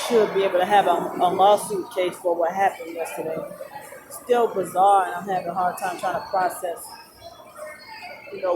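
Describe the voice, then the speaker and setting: A tired, sleep-deprived woman rambles haltingly in a personal vlog, sounding like she is working to stay awake. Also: fairly low pitch. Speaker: vlogger. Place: loud indoor shopping mall. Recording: noisy mall ambience behind voice. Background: loud talking and mall noise.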